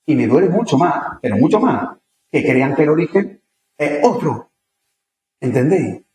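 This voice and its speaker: An Andalusian-accented man delivers a conference lecture in a casual, conversational way, often turning to the audience with questions. His voice sits a little high for a man. The room around him rings with a roomy echo. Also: big pitch swings, normal speed, darkish tone. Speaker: conference speaker. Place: lecture hall.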